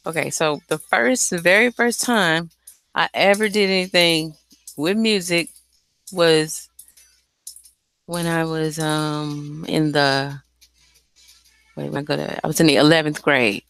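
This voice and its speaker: A singer-songwriter with a light, airy voice talks casually and candidly about making her music, slangy and swearing freely. Her delivery sits low and creaky, unhurried, with long pauses and a slightly bright tone. The recording has no echo.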